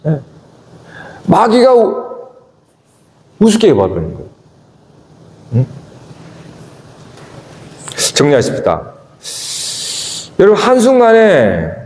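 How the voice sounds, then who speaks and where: Animated Korean pastor preaching in echoey hall. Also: male voice, measured pace, long pauses. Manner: animated preaching, rising to emphatic peaks and dropping low; asks the congregation questions. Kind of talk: sermon. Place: church sanctuary. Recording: echoey church hall with long reverb.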